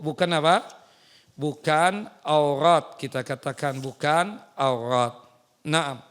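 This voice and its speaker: A middle-aged man preaching to a group of women in a mosque, playful and constantly quizzing them with rhetorical questions. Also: a little high. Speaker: Islamic preacher teaching women. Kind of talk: religious study lecture.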